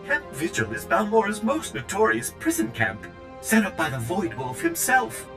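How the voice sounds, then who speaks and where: An actor playing a prim, fussy male servant droid in a video game, with a polished, too-smooth android delivery. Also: sits high, wildly swooping pitch, moderate pace, music in the background. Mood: brisk. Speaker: game character.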